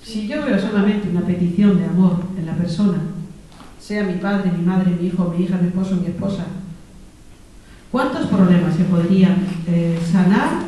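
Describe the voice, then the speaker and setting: A woman's voice: lowish voice, moderate pace, warm tone. A woman from teaching a spiritual class to a group, asking them questions and repeating lists of examples. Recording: very echoey room, distant mic, faint hiss.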